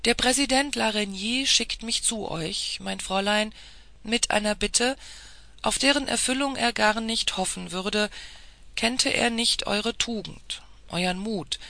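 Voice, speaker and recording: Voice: medium pitch, bright, forceful tone, no echo. A reader voicing a persuasive old-world police official. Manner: formal, insistent persuasion.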